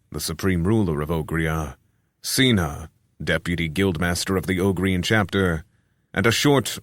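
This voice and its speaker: A man narrating an audiobook in a steady, measured way. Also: low voice, no room sound, studio quality.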